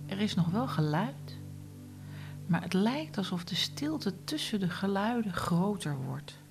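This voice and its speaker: A woman guiding a relaxation meditation, speaking softly and often in a whisper. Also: medium pitch, expressive, vocal fry, faint music behind. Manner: slow, soft, often whispered instructions. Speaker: meditation guide.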